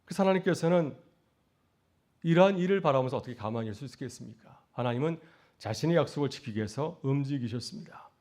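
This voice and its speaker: A man's voice: mid-range voice, animated, fast talker, a little mellow. A middle-aged man, a pastor, preaching a sermon earnestly, asking rhetorical questions and rising to emphatic peaks.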